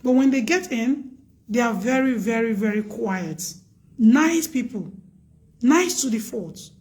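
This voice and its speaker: Hosting a live stream, a woman gives relationship advice that's earnest and preachy, and she repeats her points for emphasis. Her voice is loud and somewhat high, her intonation lively, her pace measured.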